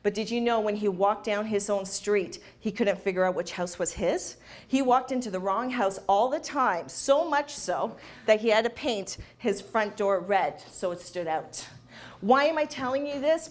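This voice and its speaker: A woman speaks to an audience in an inspirational talk. Her voice sits a little high, and she drives her points home with emphatic repetition of key phrases. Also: expressive, moderate pace. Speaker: motivational speaker. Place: event hall.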